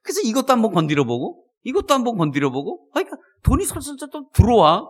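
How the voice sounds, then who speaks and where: A man's voice: very high voice, wildly swooping pitch, quick pace, breathy edge. A middle-aged male pastor from South Korea giving a sermon built on his own story, acting out his past words in quoted asides. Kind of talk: sermon with personal testimony.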